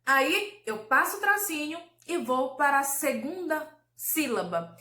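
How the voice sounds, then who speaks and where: A woman teacher giving a recorded lesson for children, patiently explaining and drawing out syllables slowly. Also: high voice, lively intonation, bright, forceful tone, roomy sound. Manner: slow, drawn-out syllable pronunciation, patient and explanatory.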